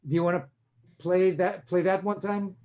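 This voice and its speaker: A man's voice: high-pitched, fairly even intonation, moderate pace, a little mellow. Chatty man coaching on a video call. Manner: chatty and self-interrupting, apologetic, encouraging. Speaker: violin masterclass teacher. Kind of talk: online masterclass coaching.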